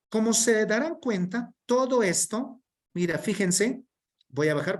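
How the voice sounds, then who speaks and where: A man presenting an online workshop, reading through a term list in an explanatory way and often checking in with tag questions. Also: high voice.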